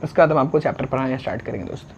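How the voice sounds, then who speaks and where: A male science teacher working through a lesson, throwing questions at his students and supplying the answers himself. He urges them to write quickly and drops English unit names into his talk. His pitch sits in a middling range, with faint noise behind him.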